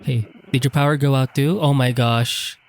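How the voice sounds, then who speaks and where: A man at a middle pitch talks through a horror game, startling easily and swearing freely. His nervous outbursts break into steadier narration, with a faint hiss behind him. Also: steady tone, moderate pace, gravelly. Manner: jumpy, swears a lot, nervous exclamations. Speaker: gamer. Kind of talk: horror game let's play commentary.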